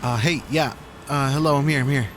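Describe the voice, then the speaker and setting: Young male apocalypse survivor, acted by a man: lowish voice, weary, wry, confiding journal delivery, clear music underneath. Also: unhurried. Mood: startled, confused. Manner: hesitant, confiding, informal. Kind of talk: first-person audio journal drama.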